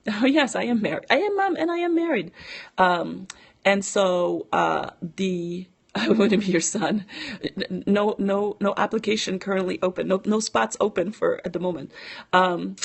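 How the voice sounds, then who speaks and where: Woman, middle-aged, husky, chatty live-stream talk, lots of fillers. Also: medium pitch, a little slow. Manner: chatty, filler-heavy, answers viewer comments.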